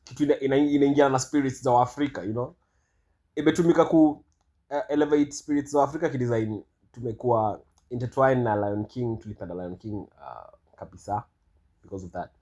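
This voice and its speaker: A man's voice: mid-range voice, a little fast, mellow. A man giving casual monologue commentary, rambling and hesitant with many fillers and restarts. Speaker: vlogger.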